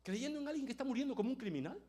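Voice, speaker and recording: A male pastor preaching an impassioned sermon, rising to loud peaks and dropping to hushed phrases. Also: very high-pitched, animated, rapid-fire.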